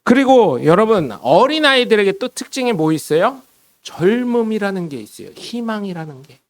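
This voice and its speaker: A man's voice: high-pitched, sing-song, moderate pace. A middle-aged man preaching a casual, conversational sermon as a pastor in a church, often asking the congregation questions and acting out voices in quotes. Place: church sanctuary.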